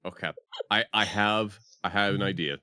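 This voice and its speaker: A man with a very deep voice chats casually on a podcast. He hesitates and often restarts his sentences. The recording is dry and close. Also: fairly even intonation, normal speed, bright, forceful tone, smooth, no echo. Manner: hesitant, with many ums and restarts. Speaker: podcast co-host and streamer. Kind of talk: casual chat.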